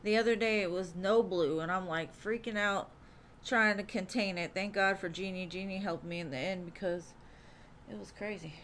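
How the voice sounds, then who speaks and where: Female tarot streamer, relaxed and chatty, mid pitch, light background hum. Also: moderate pace. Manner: chatty, says "like" and "um" often, calls viewers "love". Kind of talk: casual live-stream tarot reading.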